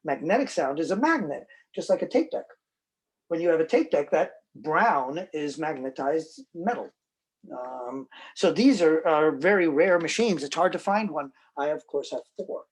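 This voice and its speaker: A New York man, a film collector and presenter, hosts a casual unboxing, chatting and explaining in a playful, jokey showman style. His voice is on the high side with lively intonation, normal speed, and a breathy edge, captured in a live room recording that's clicky and faintly noisy.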